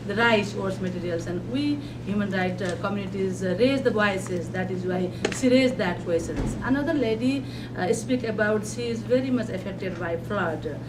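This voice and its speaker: A woman from Nepal with a Nepali accent giving a conference talk, pausing often with fillers and restarts. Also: mid-range voice. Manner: halting, many fillers and restarts. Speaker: panel speaker. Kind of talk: conference presentation. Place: conference hall. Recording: distant mic, noisy hall.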